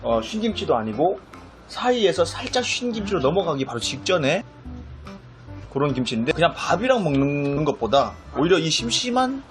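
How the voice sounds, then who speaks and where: A man hosting a casual food review show, animated and quick to laugh. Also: on the high side, faint music behind.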